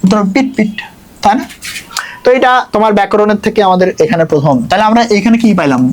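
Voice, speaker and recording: A man's voice: high-pitched, animated, fast, slight background noise. Chatty male tutor. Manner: chatty, checks in often with rhetorical questions. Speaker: admission test tutor. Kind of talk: exam prep lesson.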